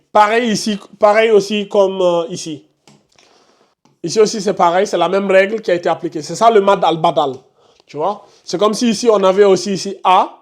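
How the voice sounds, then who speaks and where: Insistent man teaching a recitation class. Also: high voice. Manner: insistent, repeats explanations step by step, scolds students. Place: classroom with a board.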